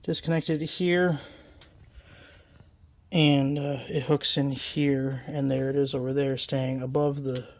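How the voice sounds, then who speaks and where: Speaking slowly in a level, slightly mellow mid-range voice, a repair channel host works on a mower engine in a workshop. A lingering cold leaves them stuffed up, and the casual walkthrough wanders, with many fillers and self-corrections.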